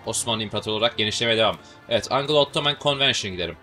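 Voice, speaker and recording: A Turkish-accented man rattles through his strategy game at high speed, joking and cursing casually. His voice sits low but has a bright, forceful edge. Faint game music plays underneath. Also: expressive, racing. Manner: chatty, joking, swears casually. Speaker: gaming channel host.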